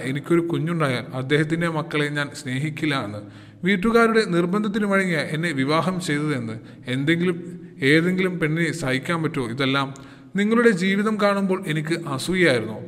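A man's voice: a little high, a bit bright, in a large hall, natural voice. A man voicing a lonely young wife who pours out an earnest, pleading confession of her longing.

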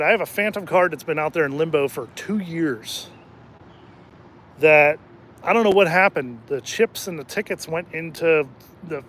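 Slightly hoarse man rambling on a livestream. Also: a little high, a bit bright. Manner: rambling and jokey, laughs often. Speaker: channel host and rideshare driver. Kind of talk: casual livestream chat. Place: outdoors at night, walking.

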